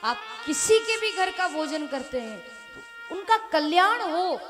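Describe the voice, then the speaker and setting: Slow high-voiced woman storyteller, jokes with the crowd, acts out the lines loud. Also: sing-song, music in the background. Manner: addresses audience directly, jokes and asks for raised hands. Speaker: religious storyteller. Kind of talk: devotional story sermon to a live audience.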